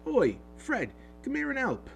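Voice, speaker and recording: A man voicing a cheeky teenage twin boy who teases loudly and cockily, heard over a steady hum. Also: high-pitched, moderate pace, faint music behind, voice pushed up. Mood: eager. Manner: teasing, loud, cocky.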